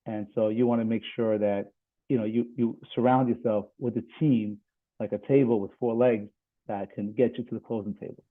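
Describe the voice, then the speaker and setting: A man, a real estate attorney, explaining things in a steady, measured way during a seminar. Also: lowish voice. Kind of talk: seminar presentation on video call. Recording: tinny phone-like call audio.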